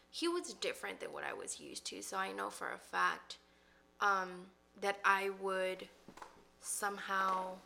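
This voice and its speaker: Chatty woman with gravelly edge. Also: mid-range voice, slight background noise. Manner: chatty, filler-heavy, relaxed storytelling. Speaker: podcast co-host, hairstylist. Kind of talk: casual chat.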